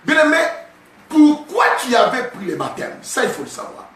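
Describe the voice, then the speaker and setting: A man preaching a sermon as a bishop, emphatic and often shouting, calling his listeners beloved over and over. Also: very high-pitched, very animated, normal speed. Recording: echoey hall, voice from a distance.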